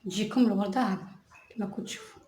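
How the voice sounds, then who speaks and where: Woman teaching crochet, soft, mellow voice, slow stitch counting, roomy echo. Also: mid-range voice. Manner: soft-spoken, counts stitches aloud slowly. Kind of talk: step-by-step tutorial narration.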